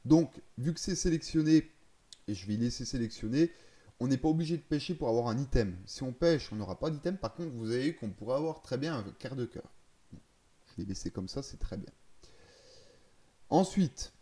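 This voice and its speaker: A man's voice: mid-range voice, animated, a little fast, mellow. A man casually explaining a game's settings, thinking aloud, hesitating and correcting himself as he goes. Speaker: gaming video creator.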